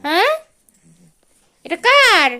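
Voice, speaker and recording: A woman with a bright, high voice speaks to a small child in sing-song baby talk. She asks playful questions over and over and scolds gently, then drops into quiet asides. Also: big pitch swings, very slow. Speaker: mother talking to her toddler.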